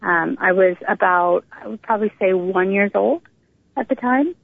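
Over a narrow, tinny phone line, a middle-aged woman from Northern California, United States, recounts her life story as a guest in a casual interview. She talks informally and conversationally at a normal speed, her gravelly voice sitting at a medium pitch with no echo.

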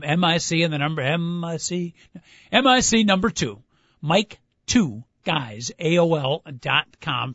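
A man's voice: high voice, a bit bright, no echo. A man hosting sports talk radio with casual banter, rambling along in a wry, joking way. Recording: dull, band-limited radio audio.

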